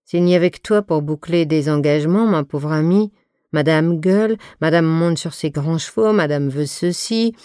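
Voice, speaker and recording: A woman reading a calm, gruff male music-hall partner who never raises his voice. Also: low-pitched, normal speed, clean studio sound, close to an everyday voice. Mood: mocking.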